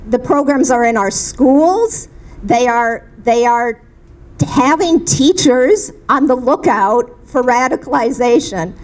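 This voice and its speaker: Earnest woman, panel speaker, slightly high voice, halting delivery. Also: poor audio. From Minnesota, USA. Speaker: community activist. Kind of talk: panel discussion remarks.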